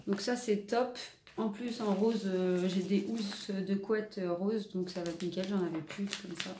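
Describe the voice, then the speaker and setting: A woman's voice: mid-range voice, fairly even intonation, a little slow, dark tone. Chatty woman in an echoey home room. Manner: rambling, lots of "euh" and "donc" fillers. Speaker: haul vlogger. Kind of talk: casual product haul chat. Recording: echoey room with faint noise.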